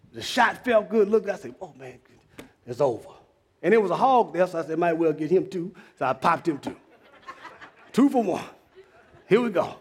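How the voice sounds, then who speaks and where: A man preaches with a high, gravelly, husky voice. He tells his story in a lower, quick telling voice, then climbs into shouted, rhythmic church preaching. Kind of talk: sermon with a hunting story.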